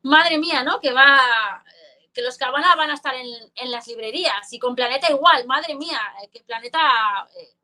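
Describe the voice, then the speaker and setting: A woman's voice: high voice, moderate pace. A woman, a guest writer chatting expressively in an interview over a video call, often restarting her sentences. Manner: expressive, frequent restarts and fillers. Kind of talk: casual interview chat.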